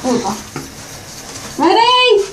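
Very high voice muffled by a gas mask. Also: big pitch swings, slow pace. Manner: giggly, chatty. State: speaking through a gas mask. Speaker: vlogger showing a gas mask collection. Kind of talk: casual chat. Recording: echoey room with background noise.

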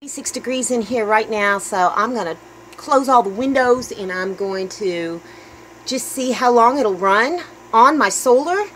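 A woman's voice: on the high side, expressive, unhurried, background noise. A middle-aged woman talking casually to a handheld phone camera in her tiny house, chatty and upbeat, thinking aloud. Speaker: homesteading vlogger. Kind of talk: casual vlog narration. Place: small tiny house, indoors, and garden outdoors.

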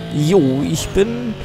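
Sitting high and creaky, the voice of a teenage let's play gamer with a mild cold rambles through casual racing game commentary, poking fun at himself. Game music, car sounds and background noise fill the clip.

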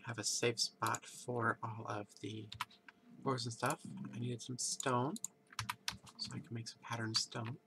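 At his computer at home, a man freshly out of bed narrates gameplay as a let's play host, his voice congested and stuffy. He speaks at a medium pitch with flat delivery, rambling casually and pausing to think aloud. Keyboard clicks and background noise are audible.

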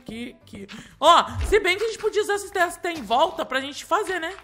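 A young man with a Brazilian accent, excitedly chatting and repeating himself as he plays a Minecraft let's-play. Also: very high-pitched, quick pace, faint music behind. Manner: excitable, talks while playing, repeats words. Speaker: gaming YouTuber.

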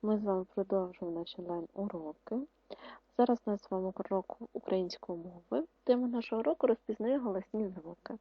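A woman teacher gives an online lesson to young pupils at a middle pitch. She sounds out each vowel patiently and clearly. The recording is dry and a little dull. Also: fast talker, no echo. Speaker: primary school teacher. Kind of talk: online lesson for second graders.

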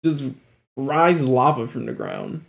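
A man's voice: medium pitch, takes it slowly. A man in his twenties giving casual reaction commentary in a slangy, exclamatory way. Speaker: reaction video host. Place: small indoor room at home.

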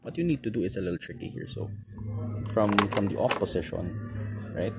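A man with a Filipino accent, outdoors beside his motorcycle, casually explaining settings step by step with fillers and quick self-corrections. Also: lowish voice, big pitch swings, background noise. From Philippines. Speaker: motovlogger. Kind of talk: casual how-to walkthrough. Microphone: camera close to the instrument panel.

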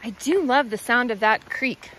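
A woman's voice: fairly high pitch, moderate pace, fairly bright tone, poor audio. A woman chatting casually while hiking outdoors, bubbly and laughing often. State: out of breath on uphill. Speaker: vlogger. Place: outdoors on a mountain trail.

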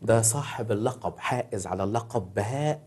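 Man, Egyptian Arabic accent, preacher guest, fervent, swells when quoting scripture, dark mellow tone. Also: lowish voice, fast talker, husky. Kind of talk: preaching in a studio talk.

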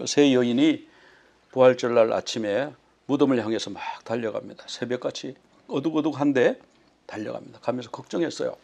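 A man's voice: medium pitch, gravelly, darkish tone. A male pastor teaching a sermon, telling the story with frequent rhetorical questions. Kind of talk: sermon teaching on a Passover meal.

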